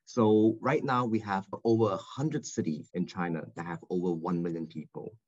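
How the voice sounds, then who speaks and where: A man with a deep, low voice and a husky edge delivers a measured webinar lecture. The sound is slightly dull and lo-fi. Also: fairly even intonation, a little mellow.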